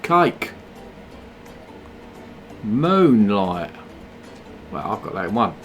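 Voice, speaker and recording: A man's voice: lowish voice, sing-song, drawn-out words, fairly bright tone, soft background music. A tired man, mocking the ads he watches during a late game stream. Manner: sarcastic, mocking. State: tired, yawning. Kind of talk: casual live-stream commentary on ads.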